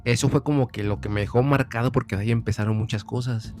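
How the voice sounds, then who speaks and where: Man, Mexican Spanish accent, casual storytelling, middle pitch, repeats himself, faint music behind. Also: steady tone, fast talker, a little mellow. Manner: chatty, repeats phrases while recalling.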